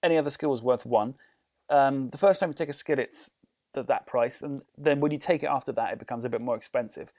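A man's voice: mid-range voice, fast, darkish tone. A man with a Bristol-tinged English accent, hosting a podcast in a casual, jokey, rambling way. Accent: English, Bristol-influenced. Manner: jokey, digressive. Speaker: podcast host. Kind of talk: casual chat.

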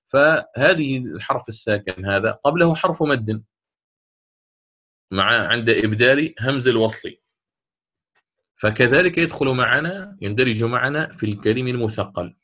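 A middle-aged man gives a patient lesson on Quran recitation, laying out each rule step by step. His voice is bright and forward. He slows down to chant each quoted verse before explaining it. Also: mid-range voice, animated. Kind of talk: classroom lesson explaining a didactic poem.

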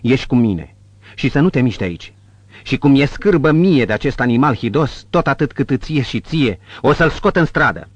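A man voicing a fierce, steady nobleman protector in an audiobook, firm and protective. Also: medium pitch, dry recording, muffled recording, pitched above the performer's own voice, lightly acted. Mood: resolute. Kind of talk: audiobook character voice.

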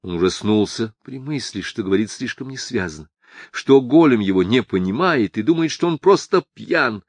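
A man's voice: medium pitch, expressive, normal speed, breathy edge, no room sound. Man reading a novel aloud, dramatic, voice all over the place, super dry mic. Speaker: audiobook narrator. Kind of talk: expressive literary narration.

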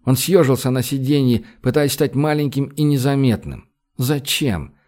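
A man reading a novel aloud as narrator, in a steady, measured manner. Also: medium pitch. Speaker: audiobook narrator. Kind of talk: scripted narration.

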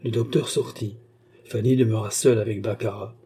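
A man narrating a classic French novel in a measured storytelling manner. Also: fairly low pitch, steady tone, warm tone, slightly rough. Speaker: audiobook reader. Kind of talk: scripted narration.

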